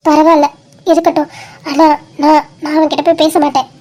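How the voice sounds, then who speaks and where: A heartbroken young woman in a cartoon voiced by a performer speaks. She talks softly and haltingly through tears and pleads. She stays stubborn about her hurt. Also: high-pitched, level tone, close to an everyday voice. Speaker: animated series character. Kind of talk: dramatic cartoon dialogue.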